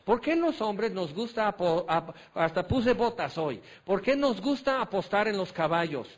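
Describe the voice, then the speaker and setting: A man's voice: high voice, sing-song, normal speed. A man preaching a sermon, folksy and self-deprecating, hammering home points with repeated questions. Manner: rhetorical, repetitive questioning.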